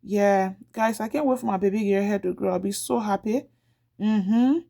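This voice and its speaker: A woman's voice: medium pitch, moderate pace, vocal fry, mellow. A middle-aged woman from Liberia, chatting casually to camera as a vlogger, rambling and repeating herself.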